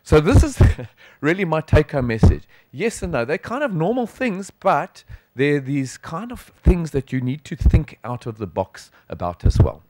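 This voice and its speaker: Heard with no room sound via a lectern microphone, a middle-aged South African sports physician with a slightly high voice lectures at a conference. He stands at a lectern on the conference hall stage, speaking in a conversational, emphatic, animated manner with gestures and emphatic pauses.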